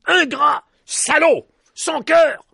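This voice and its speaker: A man voicing hostile villagers who hurl insults in high, loud shouts. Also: very slow, vocal fry, dry recording, clean studio sound, heavily acted. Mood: furious. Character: angry shouting village crowd members.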